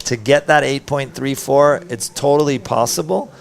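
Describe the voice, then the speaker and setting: A man's voice: medium pitch, normal speed, vocal fry. A middle-aged man giving conversational live commentary as a surf contest announcer.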